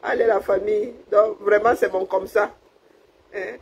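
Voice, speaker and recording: A woman's voice: medium pitch, steady tone, unhurried, darkish tone, breathy edge, low-quality recording. A woman from Cameroon, chatting casually on a livestream, laughing often and thanking her viewers. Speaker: livestream host. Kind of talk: casual live chat with viewers.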